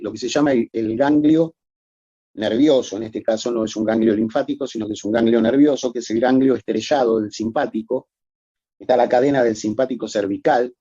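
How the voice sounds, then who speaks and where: A man's voice: medium pitch, dark tone, dry recording, highs cut off. A man giving a recorded medical lecture, explaining methodically and addressing students formally.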